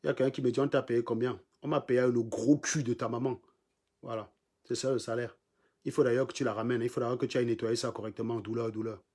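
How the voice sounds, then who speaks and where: A man with a Cameroonian French accent runs a live stream and goes after his commenters with scorn. His voice sits at a middle pitch, and he hammers his points by saying them over again in a combative, mocking tone. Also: level tone, fast, darkish tone. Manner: mocking, combative, repeats lines for emphasis. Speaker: livestream host. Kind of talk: insulting live-stream rant.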